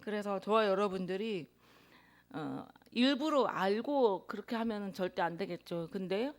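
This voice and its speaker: A woman preaching a sermon, telling a personal confession in an earnest tone with emphatic swells of loudness. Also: mid-range voice, lively intonation, normal speed. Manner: introverted by her own account.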